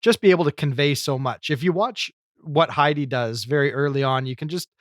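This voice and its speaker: A man hosting a comedy podcast, talking in a thoughtful, measured way. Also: fairly high pitch, fairly bright tone, no room sound, studio quality. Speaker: podcast host. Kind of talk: casual chat.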